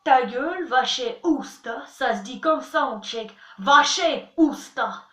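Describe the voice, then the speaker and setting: Expressive and measured, this young vlogger's high, slightly bright voice carries through a casual video. She chats playfully, teaches words, and makes fun of herself. Her distant mic picks up an echoey room.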